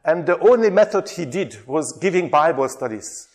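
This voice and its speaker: This workshop presenter is a middle-aged theology lecturer with a Hungarian accent whose fairly high, animated voice moves at a normal speed. Hesitant yet chatty, he keeps asking the audience questions.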